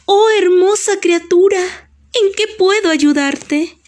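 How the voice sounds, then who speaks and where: A kind, glowing fairy with a sweet, tender and encouraging voice, as a woman acts her out in a children's audio story. She speaks high and unhurried, coaxing and warm in her words.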